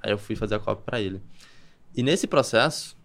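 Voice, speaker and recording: A young man, telling his story as a podcast guest in a lively, rapid manner and acting out what people said. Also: on the low side, gravelly. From Campina Grande, Paraíba, Brazil. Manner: rapid, animated storyteller who acts out quoted dialogue.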